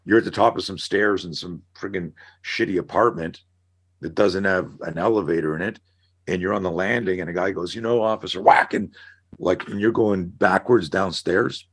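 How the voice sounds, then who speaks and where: A middle-aged man on a podcast, an animated storyteller who acts out scenarios as he talks. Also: deep voice, normal speed, slightly rough. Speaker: guest, self-defense instructor. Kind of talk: casual podcast conversation.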